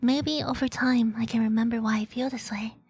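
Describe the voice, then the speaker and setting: A woman reading a high, wistful young heroine. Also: fairly even intonation, fairly quick, husky, no room sound.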